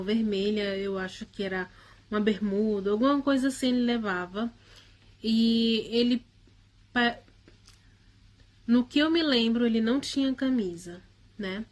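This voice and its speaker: A woman casually recounting a personal spiritual experience in the first person. She speaks hesitantly, with frequent tag questions and restarts. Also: mid-range voice.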